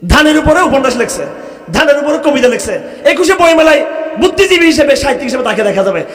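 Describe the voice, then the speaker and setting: A man's voice: very high voice, very animated, fast, fairly bright tone. A Bangladeshi-accented man preaching a fiery sermon, scolding his listeners with rhetorical questions. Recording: echoey hall from far off.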